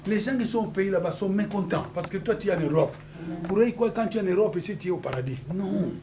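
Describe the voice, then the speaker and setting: Un pasteur originaire du Congo, avec un congolais, prêche avec emphase dans une salle d'église et lance des alléluias à l'assemblée. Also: male voice, high voice, lively intonation, fast talker, mellow. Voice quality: emphatic, repeats hallelujah to the congregation. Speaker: pastor. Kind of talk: sermon with call-and-response. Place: church hall. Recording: noisy church hall recording.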